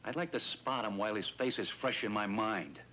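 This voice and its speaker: Pushed and bright, a lowish man's voice moves a little fast. He plays the wary, folksy shopkeeper swindled in a 1950s police drama, a hesitant, plain-spoken robbery victim whose mood is earnest and rueful. The vintage soundtrack is noisy.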